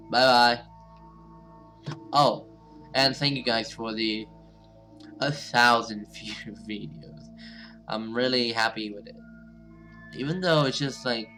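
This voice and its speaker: With a gravelly, sharp, medium-pitched voice, a man hosts a gaming video, hesitantly and informally reading game text aloud between his own reactions in let's-play style.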